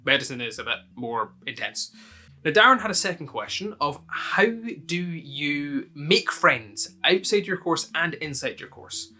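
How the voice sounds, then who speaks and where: A young Scottish university student hosts a video, answering viewers' questions one at a time with friendly, step-by-step advice in a casual talk to camera. His fairly high voice is expressive, unhurried, pushed, and bright.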